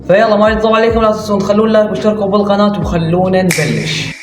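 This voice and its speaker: A man with an Iraqi accent giving mocking, sarcastic reaction commentary. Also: high-pitched. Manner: mocking, sarcastic, rapid-fire ranting. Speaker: commentary YouTuber. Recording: roomy, distant mic, music behind.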